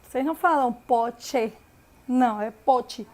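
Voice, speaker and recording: Venezuelan spanish teacher lady, high voice, slow and careful, says each word over and over. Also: a little mellow. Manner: repeats example words slowly for learners. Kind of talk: language lesson.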